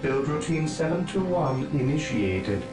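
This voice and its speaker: A man voicing an obedient male cyborg builder unit in a video game, with a robotic processed sound and flat, clipped announcements, like a machine booting up. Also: a little high, unhurried, recorded from a distance. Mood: mechanical, obedient. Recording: heavily echoing game audio. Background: game music.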